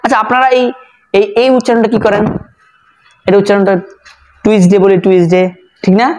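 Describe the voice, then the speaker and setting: A woman's voice: on the high side, fairly even intonation. Woman teaching pronunciation. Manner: repeats words slowly for drilling, explains step by step. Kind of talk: online pronunciation lesson.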